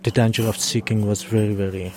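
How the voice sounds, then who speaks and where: A man in his twenties from Afghanistan, speaking English as a second language, telling his story slowly and haltingly with many pauses. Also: on the low side, little pitch movement, noisy background. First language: not English. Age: 20s. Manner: slow, hesitant, with fillers. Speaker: interviewee. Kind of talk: halting personal account.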